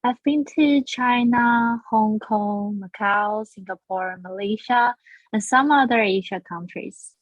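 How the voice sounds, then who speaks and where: Being interviewed casually about the language school she founded, a Taiwanese woman speaks slowly and earnestly, often restarting. Her voice sits a little high, and the recording is dry and dull.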